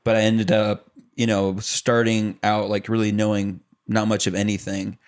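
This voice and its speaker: A young adult man from the Chicago area, an actor and producer telling his story as a podcast guest in relaxed, rambling chat full of fillers. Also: lowish voice, normal speed. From Chicago area, United States. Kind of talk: casual conversational storytelling.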